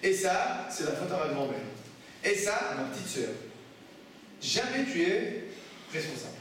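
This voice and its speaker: Man, rabbi giving a class, high voice, emphatic rhetorical questions, very echoey, distant mic. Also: sing-song, normal speed, fairly bright tone. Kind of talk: lively Torah class with questions to students. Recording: echoey room, from far off, faint noise.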